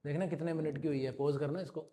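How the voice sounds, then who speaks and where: Teaching English grammar to a class, a man explains things patiently and keeps checking whether students follow. His voice is a little high yet dark in tone, steady and fast, with slight background noise and long hall reverb.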